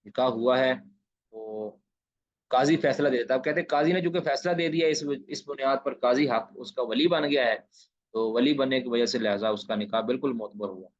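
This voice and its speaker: A man's voice: medium pitch, no echo. Emphatic man lecturing over a dull online call. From Pakistan. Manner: emphatic, repeats key phrases while translating Arabic line by line. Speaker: Islamic studies lecturer. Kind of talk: online lecture explaining hadith in Urdu. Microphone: video call. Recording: dull lo-fi online class audio.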